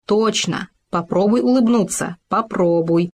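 A self-assured male hamster from a storybook who lectures his friend with patient insistence. A woman gives him voice while reading. He sounds steady and sure of himself. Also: medium pitch, unhurried. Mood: coaxing.

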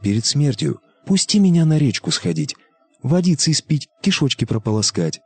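A man's voice: medium pitch, very animated, normal speed, husky, no echo, soft background music, pitched above the performer's own voice. A man voicing a pleading little fairy-tale boy who becomes a baby goat, calling out in a plaintive singsong. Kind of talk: fairy-tale character acting.

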